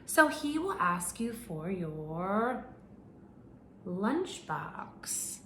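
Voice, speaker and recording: Very slowly, in a mid-range voice full of lively rises and falls, a woman teacher tells a picture-book story to young children and stops to put questions to them. A faint, steady hum runs beneath the echo of the room.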